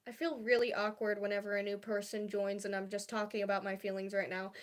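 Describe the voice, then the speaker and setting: A woman's voice: mid-range voice, level tone, fast. A young woman livestreaming, talking casually and hesitantly about her feelings, with many fillers and restarts. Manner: confiding and soft-spoken about feelings.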